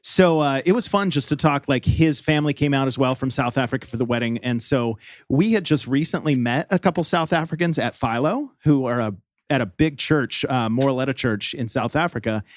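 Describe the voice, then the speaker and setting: Male co-host, casual and rambling, mid-pitched, close and dry. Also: fairly quick, no echo. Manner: chatty, rambling storyteller with many fillers. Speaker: podcast co-host. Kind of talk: casual chat.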